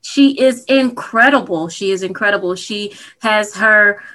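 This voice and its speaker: A woman's voice: medium pitch, measured pace, bright, forceful tone. A woman hosting a podcast interview, chatty and playful, laughing often. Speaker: podcast host. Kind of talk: casual interview chat.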